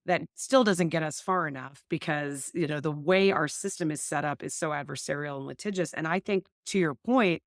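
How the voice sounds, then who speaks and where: A woman's voice: low-pitched, normal speed, hardly any pauses, no echo, studio quality. A woman hosting a family law podcast, talking earnestly and thinking aloud. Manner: earnest, thinks aloud with many 'like' and 'right'. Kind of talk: casual conversation.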